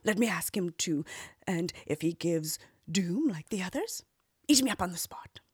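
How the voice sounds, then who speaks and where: A desperate grown man from a folk tale, pleading to be spared, voiced by a woman narrator. A breathy near-whisper, slow, in a dry close space. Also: on the low side, lively intonation, dry recording.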